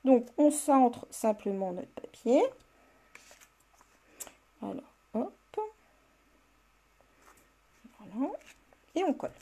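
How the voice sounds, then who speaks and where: A woman's voice: a little high, expressive, very slow, long pauses, warm tone, a little hiss or hum. Chatty French woman crafting. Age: older. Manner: chatty, answers viewers by name, laughs often. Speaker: crafting demonstrator. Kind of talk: live card-making tutorial.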